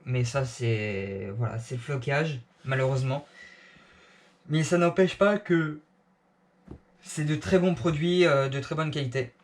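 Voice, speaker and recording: A man's voice: mid-range voice, a little slow. A man casually reviewing clothes he bought, with many fillers and restarts.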